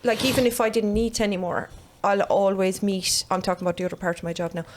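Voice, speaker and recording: Casting: woman, medium-pitched, lilting west of Ireland accent with Cork flavour, blunt and chatty podcast talk. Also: fairly even intonation, fast talker. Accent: west of Ireland, sing-song with a Cork lilt. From west Munster, Ireland. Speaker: podcast guest, gym trainer. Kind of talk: casual podcast chat.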